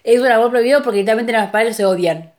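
A young woman with a Rioplatense Spanish accent, chatting casually about books in an animated, teasing way. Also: fairly high pitch, rapid-fire. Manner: animated, teasing, laughs often.

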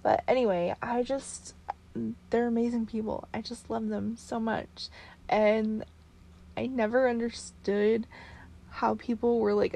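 A woman's voice: medium pitch, creaky, darkish tone, a little hiss or hum, poor audio. A tired woman vlogger rambling casually, full of fillers and restarts. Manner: rambling, many fillers and restarts, talking in circles. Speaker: vlogger and podcaster.

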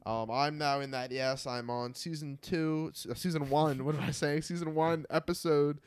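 A young man co-hosting a casual sports podcast, talking in a rambling, fairly monotone way with lots of fillers. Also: a little high, normal speed, clean tone, no echo. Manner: rambling, self-described monotone delivery with many fillers. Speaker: podcast co-host.

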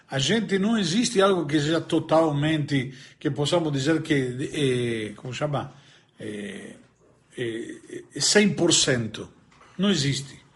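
A man giving a Torah lesson, telling stories and a joke, acting out the characters and pausing to search for words. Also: medium pitch. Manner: animated storyteller, voices characters, searches for words aloud. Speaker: religious teacher.

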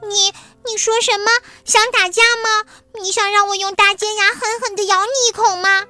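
A cocky little storybook mouse acted by a woman, pitched very high, indignant and spoiling for a fight. Music plays behind the blustering threats. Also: steady tone, unhurried, pushed and bright, full character voice. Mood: threatening, blustering. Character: squabbling little mice, cocky, quick to threaten.

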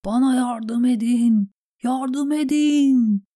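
A woman's voice: lowish voice, steady tone, a little slow, dry recording, clean studio sound. Woman voicing feverish old knight Davos. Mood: desperate shouting. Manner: hoarse whispers turning to desperate shouts. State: weak and feverish. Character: feverish weary aging male ex-smuggler knight. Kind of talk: audiobook character voice.

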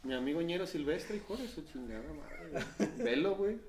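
A man with a Mexican accent, a podcast guest who teases his friends in rapid-fire slang. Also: fairly high pitch, lively intonation, background noise. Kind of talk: casual podcast chat.

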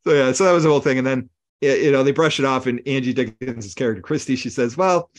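A man co-hosting a podcast, retelling old comedy sketches in an animated way and acting out lines with gasps and laughs. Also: medium pitch, quick pace. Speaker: podcast co-host. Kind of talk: casual chat recapping old comedy sketches.

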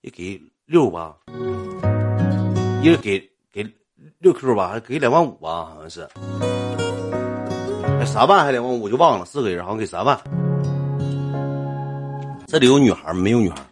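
A man with a Northeastern Chinese accent telling a comic story in a rambling, colloquial, animated way. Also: fairly low pitch, normal speed, pauses often, music in the background.

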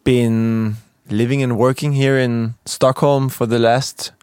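A man's voice: mid-range voice, flat delivery, slow, a little mellow, clean tone, no echo, clean studio sound. A man in his twenties from Denmark, co-hosting a podcast in casual chat, hesitant with many fillers and restarts. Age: 20s. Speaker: podcast co-host.

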